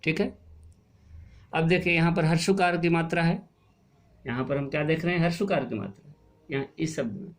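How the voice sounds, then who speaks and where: A male teacher explaining a Hindi spelling lesson to young pupils, asking questions and answering them himself, and drawing out words slowly to show how they sound. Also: a little high. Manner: explains patiently, asks and answers his own questions; stretches and stresses words to show pronunciation. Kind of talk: online class lesson.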